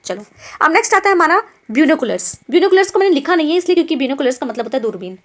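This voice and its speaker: A young woman teaches an online vocabulary lesson in a high, bright voice. Her pitch swings up and down a lot as she explains each word in Hindi mixed with English, then quizzes her students and checks in with them after nearly every point. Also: big pitch swings, racing. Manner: keeps asking quiz questions and tag checks like "ठीक है?".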